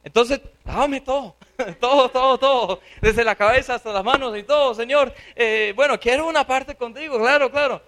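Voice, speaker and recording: A man preacher acting out a headstrong, eager male apostle in a sermon retelling, speaking high and pleading. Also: normal speed, a bit bright.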